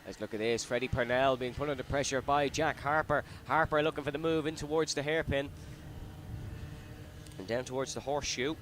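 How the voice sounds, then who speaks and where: A man's voice: mid-range voice, steady tone, fairly quick. A man giving live motorsport commentary, calling the race in running play-by-play that rises with the action. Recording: loud engine and outdoor track noise. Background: kart engines at an outdoor circuit.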